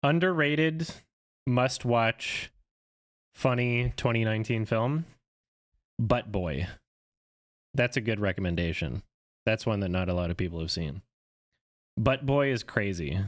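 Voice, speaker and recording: A man in his thirties from Canada, a film critic chatting casually on a live stream with a sarcastic, joking manner. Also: on the low side. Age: 30s. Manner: sarcastic, quick to joke.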